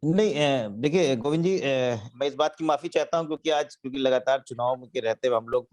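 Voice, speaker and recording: A party spokesman arguing on a TV panel, emphatic, slowing down to read quotes word by word. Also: medium pitch, a little mellow.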